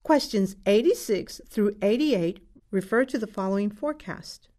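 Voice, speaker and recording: Female exam narrator, scripted question reading, animated pitch, mid-range register. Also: normal speed. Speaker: test narrator.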